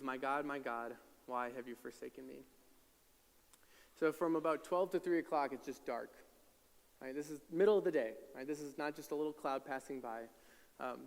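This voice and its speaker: Male pastor, a little high, sermon recorded in a reverberant hall; talky scripture retelling with voiced quotes. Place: church sanctuary.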